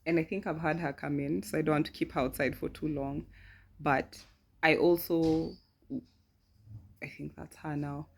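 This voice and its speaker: A woman's voice: low-pitched, fairly even intonation, normal speed, vocal fry, pauses often, breathy edge. A young woman chatting casually to camera in a vlog, talkative and laughing often. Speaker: vlogger. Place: friend's room indoors.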